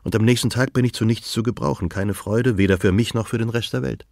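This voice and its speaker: A frank, gentle woman of seventy, voiced by a man reading an audiobook, speaking calmly and directly in a low voice lifted a little for her. The sound is close and dry. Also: quick pace, dry recording, natural voice. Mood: candid. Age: 70s. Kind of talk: audiobook dialogue.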